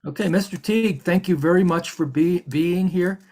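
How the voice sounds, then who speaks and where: A man's voice: high-pitched, moderate pace, a little mellow. A man working as a hearing examiner, running formal proceedings over a video call in a polite, methodical way with frequent fillers and restarts.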